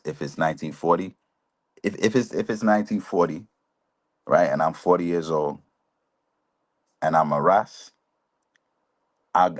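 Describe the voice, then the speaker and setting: Man, 40s, very deep voice, earnest lecturer, keeps checking in with listeners. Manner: earnest, lecturing, asks listeners "right?" often. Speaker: guest speaker, chaplain. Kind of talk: live talk show history explanation.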